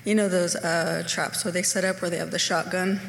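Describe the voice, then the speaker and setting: Blunt woman from Hoopa at a meeting mic, gravelly, reverberant hall. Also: on the low side, little pitch movement, fairly quick, slight background noise. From Hoopa, Northern California. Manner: earnest, rambling, blunt. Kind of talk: public comment at a meeting.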